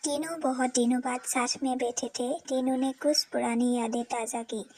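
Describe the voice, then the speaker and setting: A woman narrating an audio novel in an even storytelling read. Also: sits high, a little hiss or hum, low-quality recording.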